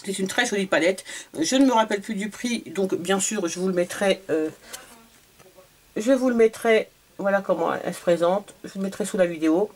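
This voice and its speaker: A woman's voice: mid-range voice, normal speed. A woman from France, a beauty vlogger, chatting casually through a shopping haul video, hesitant with many fillers and repeated words.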